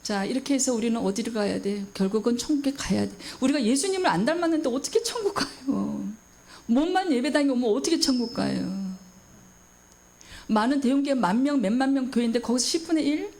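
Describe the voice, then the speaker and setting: A middle-aged woman preaching a sermon in a fairly high voice. She is emphatic and keeps putting questions to her listeners. She also acts out the voices she quotes. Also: animated, a little fast, a little mellow. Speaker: pastor.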